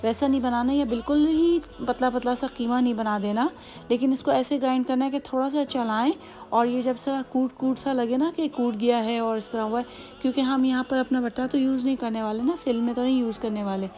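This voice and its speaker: A woman's voice: a little high, fairly even intonation, a little fast, mellow, soft background music. A woman with a Hyderabadi accent hosting a home cooking tutorial, chatty and patient as she explains each step with many asides. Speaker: cooking channel host.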